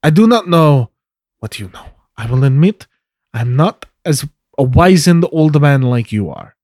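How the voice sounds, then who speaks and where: A man's voice: on the high side, sing-song, a little slow, a little mellow, no room sound, studio quality, heavily acted. A man voicing an earnest, defiant young woman who pleads in formal speech in a tabletop game. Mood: pleading.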